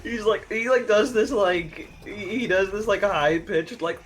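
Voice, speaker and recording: A man teasing his friends on a stream call, sarcastic and quick to laugh. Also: high-pitched, a bit bright, poor audio. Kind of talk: casual banter.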